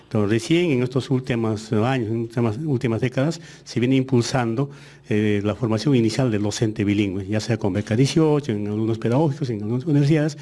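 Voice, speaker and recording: A ministry official whose first language is Aymara answers interview questions carefully, with frequent hesitations. He has a medium-pitched, warm voice.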